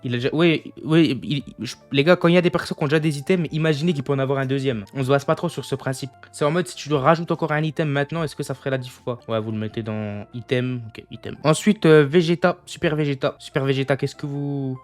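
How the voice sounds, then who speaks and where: Speaking fast with few pauses, a young male gaming streamer chats casually with his live viewers over soft background music. His voice is mid-range; he thinks out loud and keeps addressing the chat as "les gars."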